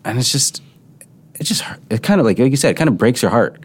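A man's voice: medium pitch, animated, fast talker, slightly rough. A young man co-hosting a casual podcast chat, reflective and thinking aloud, with many filler words. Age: young adult. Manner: reflective, heavy use of filler "like". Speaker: podcast co-host.

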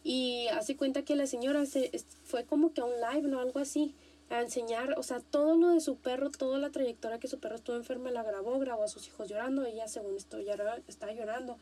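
A young Mexican woman chats casually on her podcast, high-pitched yet with a mellow, darkish tone. She talks in an animated, slangy way, often repeating a point for emphasis. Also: quick pace. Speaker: podcast host.

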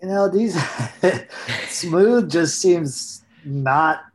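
A man's voice: fairly high pitch, animated, extremely slow. A man co-hosting a podcast in casual banter, rambling and joking, now and then slipping into goofy voices. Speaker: podcast co-host.

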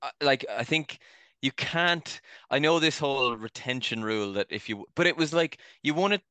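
A man talks golf with friends in an easy, opinionated way. His voice is bright and smooth, a little low, recorded close and dry with no room around it. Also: moderate pace, no room sound. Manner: animated, opinionated, interrupts himself. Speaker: podcast co-host. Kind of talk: casual chat.

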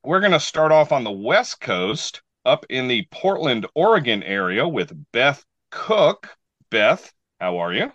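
A man's voice: mid-range voice, very animated, unhurried, a bit bright, no echo, highs cut off. A man hosting a show in a folksy, showman-like way, announcing with emphatic phrasing. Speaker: radio show host. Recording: faint music behind the voice.

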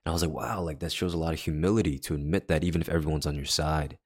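A deep-voiced podcast co-host and worship leader races through a personal story in casual conversation, rambling with many fillers and restarts. His tone is steady, darkish, and husky.

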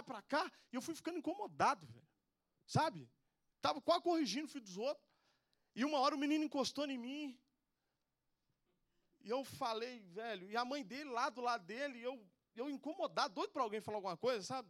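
A man's voice: high voice, a bit bright. A young man with a Brazilian Portuguese accent, preaching and telling a personal testimony in a casual, slangy way. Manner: casual slangy storytelling, says "velho" a lot. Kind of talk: testimony sermon.

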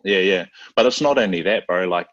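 A relaxed New Zealand man with a very low voice, talking easily as a podcast guest. He is loose and slangy and keeps saying "bro". The recording sounds dry and a bit dull. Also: a little fast, no room sound. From South Auckland, New Zealand. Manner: laid-back, slangy, peppers every phrase with "bro". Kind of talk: casual chat.

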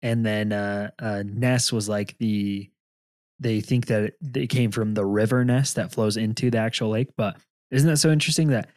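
A man's voice: lowish voice, steady tone, moderate pace, darkish tone, no echo. Male podcast co-host, casual and rambling, hesitant, dry close mic. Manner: rambling, hesitant, laughs often. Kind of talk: casual chat.

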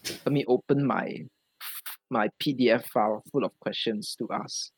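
A man's voice: medium pitch, steady tone, moderate pace, breathy edge, no echo. A young man with a Singaporean accent hosting a casual podcast in colloquial Singlish, using particles like lah and ah. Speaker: podcast host.

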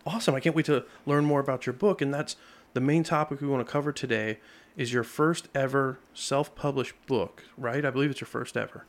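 A man's voice: mid-range voice, fairly even intonation, a little fast. Casting note: thirties male host, mid-range voice, friendly and affirming, studio interview. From Lebanon, Pennsylvania. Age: 30s. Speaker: podcast host. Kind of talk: interview hosting. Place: podcast studio.

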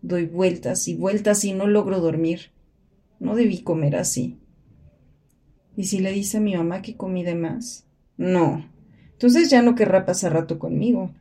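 A woman's voice: mid-range voice, natural voice. A woman voicing the murmured inner monologue of a drowsy, self-blaming young woman caught in depression. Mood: anxious, self-reproaching. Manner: soft, murmured, sleepy delivery.

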